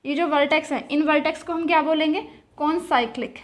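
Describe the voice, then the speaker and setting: A woman's voice: high-pitched, fairly even intonation, fast talker. A young woman teaching geometry, asking questions and answering them herself, repeating key terms in words. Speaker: math teacher. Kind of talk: explaining at a whiteboard.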